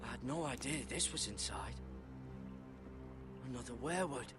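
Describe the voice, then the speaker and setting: A man's voice: mid-range voice, normal speed, music in the background, lightly acted. An actor playing an earnest young man sworn to a frontier guard in a video game, wry and wondering.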